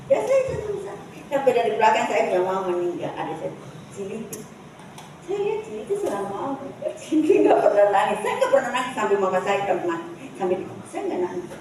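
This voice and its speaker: A woman gives a personal testimony at a church service, speaking in a halting, repetitive way, recorded from a distance. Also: fairly high pitch. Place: church hall. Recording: echoey church hall from far off, faint noise.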